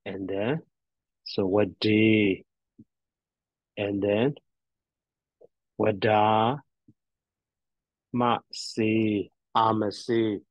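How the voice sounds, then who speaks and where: A man teaching grammar as he recites word forms, halting and repetitive as he thinks aloud. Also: fairly low pitch, fairly even intonation. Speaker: teacher, addressed as a Buddhist monk. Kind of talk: grammar lesson on verb endings, reciting forms. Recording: dull, roomy lo-fi audio.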